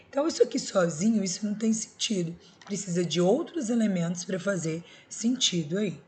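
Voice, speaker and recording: Brazilian woman teacher going thru grammar rules, fairly low voice, keeps checking in with the class, faint hum behind. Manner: explains step by step with tag questions. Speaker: Portuguese teacher. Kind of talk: recorded school video lesson.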